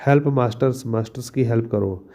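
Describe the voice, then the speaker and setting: A male teacher explaining a play line by line, reading each English line slowly and then explaining it in Hindi. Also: mid-range voice, mellow.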